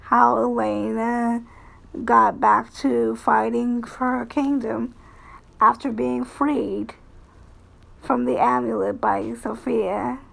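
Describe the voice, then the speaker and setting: Slow, creaky-voiced woman chatting hesitantly. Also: fairly high pitch, fairly even intonation, rough recording. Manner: halting, hesitant, trailing phrases. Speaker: VTuber streamer. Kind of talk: casual rambling commentary on cartoons.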